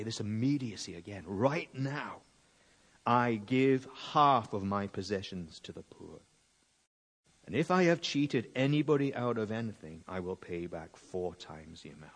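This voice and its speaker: A man preaching a sermon in a church, telling the story in a lively way and acting out the crowd. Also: on the low side, breathy edge. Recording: long hall reverb.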